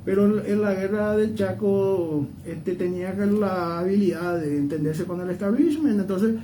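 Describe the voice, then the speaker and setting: A guest speaker with a Paraguayan accent talks casually through historical topics, drifting into side points and regularly asking for agreement with tag questions. He has a warm, high-sitting voice and a moderate pace, recorded on a noisy, distant microphone.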